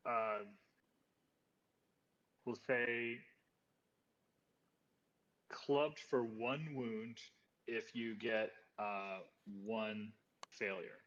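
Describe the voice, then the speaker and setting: Slow, halting game master, lo-fi sound. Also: male voice, lowish voice, fairly bright tone. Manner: hesitant, thinking aloud with many ums. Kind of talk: running a tabletop game session. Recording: dull lo-fi audio with faint noise.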